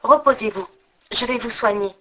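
A woman voicing a gentle, caring young princess in a storybook tale. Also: fairly high pitch, normal speed, a little hiss or hum, lightly acted, low-quality recording.

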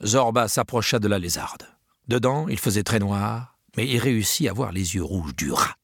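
A man reading a children's storybook aloud with expressive, lively storytelling. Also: fairly low pitch, moderate pace, vocal fry, husky, no room sound, clean studio sound. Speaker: narrator.

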